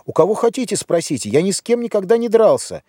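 A man's voice: sits high, sing-song, fast, dark tone, no echo, studio quality, pitched above the performer's own voice. A man voicing a thin schoolboy pleading plaintively, in an audiobook reading. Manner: whining, pleading.

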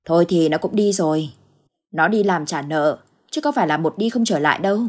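A woman voicing a boisterous elderly village neighbor in an audio ghost story, speaking in a hearty, loud manner with a husky voice. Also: low-pitched, animated, a little fast. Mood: lamenting.

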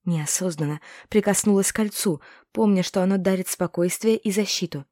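A woman's voice: medium pitch, moderate pace, dark tone, no echo, clean studio sound. Woman reading a fantasy audiobook. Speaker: audiobook reader. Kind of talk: first-person fantasy audiobook narration.

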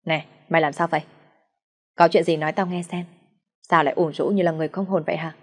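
A woman reading the lines of a blunt, caring young female friend who talks in a brisk, bossy way. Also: low-pitched, steady tone, breathy edge, long reverb tail.

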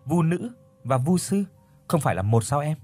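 A man's voice: mid-range voice, expressive, fairly quick, darkish tone, slightly rough, soft background music. A man voicing a frightened young woman who trembles and stammers in a spoken horror story. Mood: curious.

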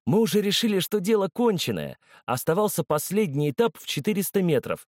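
A loud, excitable old fan with a cane, as a male narrator puts him on. He exclaims and tells the tale with a voice raised in pitch and full of swings. The recording is close and dry, with no room sound. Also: fairly quick, no room sound. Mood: excited. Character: stout older man with a cane, excitable sports fan.

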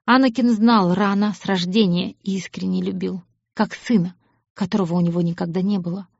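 A woman reading scripted audiobook narration in a measured, expressive way. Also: mid-range voice, gravelly, slightly rough, no echo. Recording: dull lo-fi audiobook recording.

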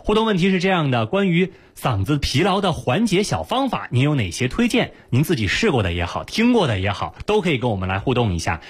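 A man hosting a radio health call-in show, with a quick, announcer-like delivery into a studio microphone. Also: fairly high pitch, breathy edge. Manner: fast, lively announcer delivery.

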